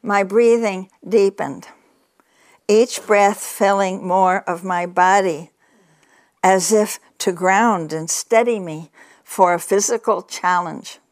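An older woman reads from a memoir in a calm, gentle, measured, reflective way, leaving deliberate pauses between phrases. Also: mid-range voice, no room sound, clean studio sound. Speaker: author reading from a memoir.

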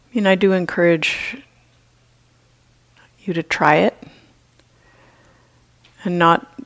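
A woman acting as meditation teacher talks gently and slowly, letting long pauses fall. Her voice is lowish and creaky.

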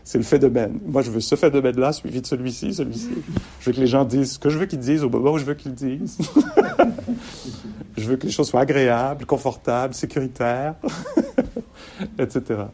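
Here a middle-aged meditation teacher delivers a dharma talk on mindfulness, fairly quick yet with long pauses, in a mid-range voice. There's a little hiss or hum. He's warm and funny, laughs often, and keeps losing and recovering his train of thought.

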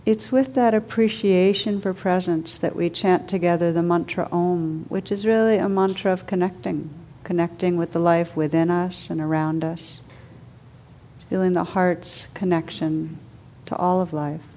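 With a lowish voice and steady tone, this meditation teacher leads a gentle, calming session, speaking in short phrases with unhurried pauses.

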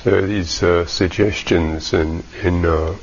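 A man guides a meditation in a low, steady voice, speaking in a measured, halting way with long pauses. The recording sounds dull and carries slight background noise.

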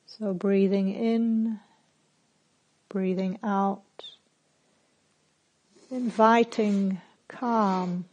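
With a medium-pitched voice, a woman teaches guided meditation gently and calmly, letting long pauses separate each instruction in her spacious phrasing. The high frequencies of the recording are cut off.

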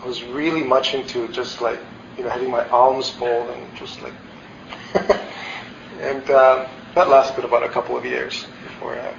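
In a meditation hall, a Salvadoran man in his forties delivers a candid, reflective dharma talk marked by many fillers and restarts. He speaks at normal speed in a medium-pitched, flat voice with vocal fry; the hall recording is roomy, slightly dull, and has slight background noise.

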